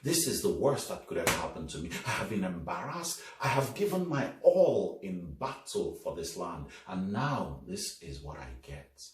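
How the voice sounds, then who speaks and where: A man's voice: low voice, very animated, normal speed, hardly any pauses, a little hiss or hum. A male storyteller voicing a proud young warrior who bitterly refuses to return, in an echoey room.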